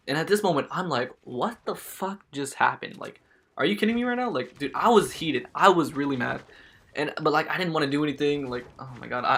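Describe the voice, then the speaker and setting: A man's voice: medium pitch, fairly bright tone. A young man casually telling a storytime tale as a vlogger, slangy and emphatic, with stammering restarts.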